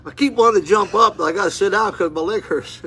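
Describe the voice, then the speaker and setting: A man's voice: high voice, quick pace, bright, forceful tone, a little hiss or hum. A man in his eighties preaching while seated, reading scripture aloud and breaking into fervent exclamations, recorded on a phone camera in a small room. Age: 80s. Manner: fervent, rising to exclamations, repeats words and restarts. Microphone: phone camera at close range.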